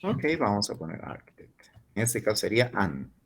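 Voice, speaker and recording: A man in his forties, a university professor from Peru, teaching an online English class in Spanish and slowly repeating model phrases for learners. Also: fairly low pitch, animated. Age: 40s.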